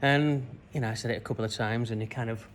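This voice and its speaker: A man's voice: mid-range voice, steady tone, quick pace, slight background noise. A man, a spiritual coach, recounting a childhood memory in a loose, rambling way full of fillers. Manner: rambling, many fillers and restarts. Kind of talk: personal story told to camera.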